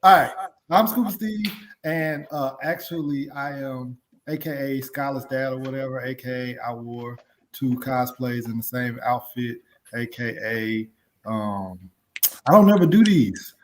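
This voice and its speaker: A man's voice: medium pitch, measured pace, darkish tone, a little hiss or hum. A man co-hosting a casual group podcast, joking and laughing often over a video call. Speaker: podcast co-host.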